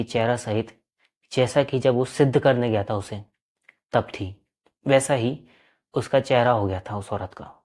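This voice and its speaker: A man's voice: medium pitch, darkish tone. A man telling a true horror story in a plain, conversational way. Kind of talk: storytelling narration.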